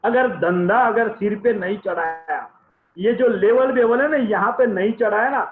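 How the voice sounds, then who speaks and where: A man's voice: sits high, normal speed, faint music behind. A middle-aged man from Gujarat, giving an emphatic motivational business speech from a room at home, repeating key phrases for effect. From Gujarat, India. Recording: tinny, echoey phone-like recording.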